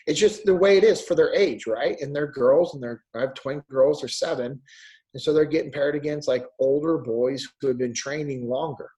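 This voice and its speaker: A man's voice: medium pitch, moderate pace, dark tone, low-quality recording. A man in his thirties telling a story about his family on a podcast, acting out bits of the conversations. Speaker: podcast guest. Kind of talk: casual conversation.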